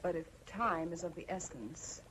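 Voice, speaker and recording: An actress playing a cold, confident mad scientist in an old horror film, speaking in a clinical, imperious, deliberate way. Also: female voice, fairly low pitch, background noise, close to an everyday voice. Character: cold, confident female mad scientist breeding obedient slaves.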